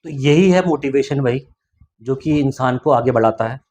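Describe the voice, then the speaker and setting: A man's voice: medium pitch, moderate pace, a little mellow. A man hosting a podcast, talking in an encouraging, somewhat preachy motivational way. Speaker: podcast host. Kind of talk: motivational interview talk.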